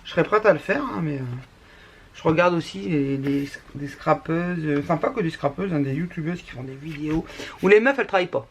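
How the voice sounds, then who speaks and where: A woman's voice: low-pitched, animated, brisk, slight background noise. Woman, northern French ch'ti accent, talkative rambling crafter giving a casual tutorial. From northern France. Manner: chatty and rambling, many restarts. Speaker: scrapbooking YouTuber.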